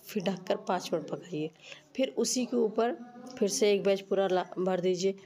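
A woman narrates a recipe tutorial step by step, informally, her voice stuffy and rough with a cold. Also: mid-range voice, normal speed, mellow. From Uttar Pradesh, India. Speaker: cooking channel host.

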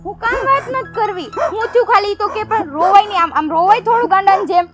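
A woman's voice: very high voice, quick pace, over a noisy crowd. A woman playing a nagging sister-in-law. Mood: chiding. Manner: scolding, nagging. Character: chiding village sister-in-law. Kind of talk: village family drama acting.

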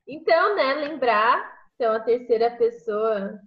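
Over a video call, a Brazilian Portuguese–accented woman leads an English lesson, walking through points patiently and using tag questions to check understanding. She speaks in a higher, animated, unhurried voice, and her computer microphone sounds echoey and muffled.

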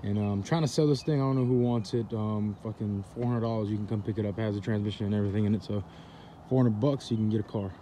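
A man's voice: fairly low pitch, fairly even intonation, fast talker, dark tone, a little hiss or hum. A man hosting a car vlog, talking casually with lots of slang and swearing. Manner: casual, profane, laid-back slang. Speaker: vlogger, car channel host.

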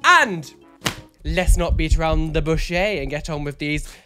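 A YouTuber in his thirties reacts to photos from a neon-lit home studio, speaking close to a boom-arm studio mic, his voice on the high side, nasal and congested from a cold. He's camp, chatty, animated and sassy with dramatic exclamations, talking at a measured pace over soft background music.

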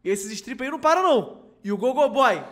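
High-pitched Rio man in hysterical laughing fits. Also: animated, a little fast, a bit bright, slight background noise. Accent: Rio de Janeiro Brazilian. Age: young adult. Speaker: streamer. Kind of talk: casual comic reaction commentary. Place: small indoor home room. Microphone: desk microphone with headset.

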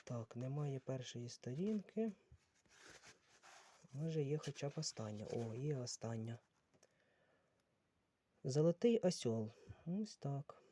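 Mellow unhurried man musing to camera. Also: medium pitch, expressive, a little hiss or hum. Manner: unhurried, musing, reads titles aloud. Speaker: book collector vlogger. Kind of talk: casual talk while sorting books.

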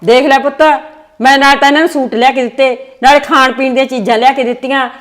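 A woman's voice: sits high, steady tone, quick pace, close to an everyday voice. A woman acting a mother who laments her family splitting apart and her sons' wives never being content. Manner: aggrieved, lamenting. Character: distressed mother of two quarrelling sons. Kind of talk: family comedy skit acting.

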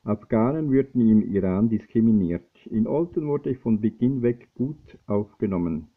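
A man reading a news feature aloud, steady but with frequent slips and restarts. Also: fairly low pitch, moderate pace. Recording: tinny phone-like lo-fi recording.

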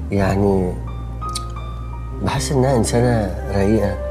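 An actor with an Egyptian accent playing a naive, gentle young man who rambles and whines in panic, in a TV sitcom. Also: fairly low pitch, lightly acted. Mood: wistful. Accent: Egyptian Arabic. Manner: rambling, then panicky and whiny. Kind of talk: TV sitcom acting.

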